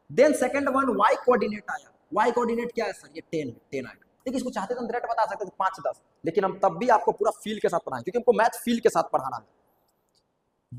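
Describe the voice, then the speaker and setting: Echoey math teacher. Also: male voice, high-pitched. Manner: repeats key terms, quizzes students aloud. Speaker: coaching teacher. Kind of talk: classroom math lesson. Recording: echoey room with long reverb.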